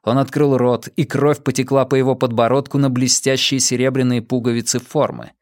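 Guy reading an audiobook, steady dramatic tone, dry close recording. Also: mid-range voice, fairly quick, no room sound. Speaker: audiobook narrator. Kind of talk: scripted narration.

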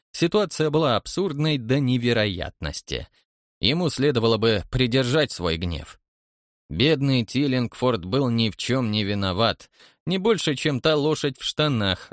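A man narrating an audiobook with an animated, characterful delivery. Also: medium pitch, no echo, studio quality. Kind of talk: expressive audiobook reading.

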